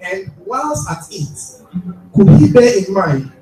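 A man reading a passage aloud to a live audience at a book reading, slow and deliberate. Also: sits high, big pitch swings, mellow. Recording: echoey room, faint music behind.

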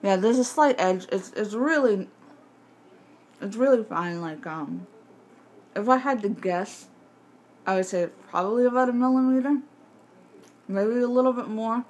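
A woman in her twenties or thirties chatting casually to camera in a halting, rambling way, her speech slightly impeded by a bite splint wired in her mouth. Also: on the high side, darkish tone. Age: 20s to 30s. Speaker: vlogger showing jaw surgery recovery. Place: home kitchen. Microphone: phone at arm's length. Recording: faint background noise, handheld device.

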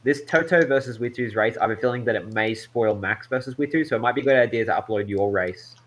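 A man giving casual race commentary, practical and organizing, with halting restarts. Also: mid-range voice, a bit bright, low-quality recording.

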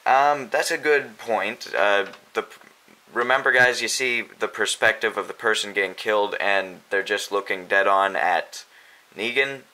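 A man's voice: lowish voice, a little slow, pushed and bright, low-quality recording. A young man casually answering viewer questions as host of a fan video, chatty and unscripted, with many fillers and restarts.

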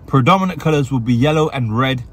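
Fast and fairly bright in tone, this mid-range male voice belongs to an English food reviewer who hosts his own channel. He's chatty and upbeat, eating as he talks from a parked car in a casual vlog.

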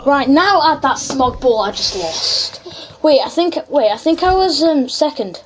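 A woman's voice: high voice, expressive, a little slow, background noise. A woman giving chatty, casual gameplay commentary as host, reacting aloud to the game. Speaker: gaming video host. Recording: music behind the voice. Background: background music.

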